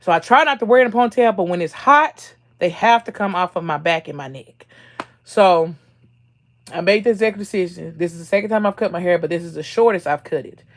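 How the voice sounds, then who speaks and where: On her own livestream, a woman with a fairly low voice talks at a quick pace, chatting easily with her audience. She reads their comments aloud and laughs often.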